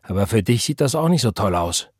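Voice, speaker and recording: An indignant, self-righteous preacher, read by a man in a low, husky voice. He snaps back in scorn and defends himself. The sound is dry and close. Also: very animated, fairly quick, a little mellow, dry recording. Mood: defensive.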